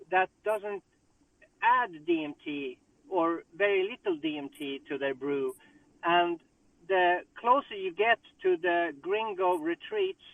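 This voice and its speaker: A man's voice: high voice, vocal fry, no echo. Man on a tinny car speakerphone. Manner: thinking aloud, halting restarts. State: distracted by driving. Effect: car speakerphone call while driving. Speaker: caller in a group discussion. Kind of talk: casual group call chat. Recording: tinny distant phone line from a car.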